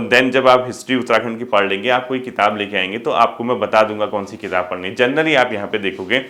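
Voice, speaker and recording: A male coaching teacher gives students casual exam advice in a mid-range voice with a bright, forceful tone. He calls them kids and keeps throwing rhetorical questions at them.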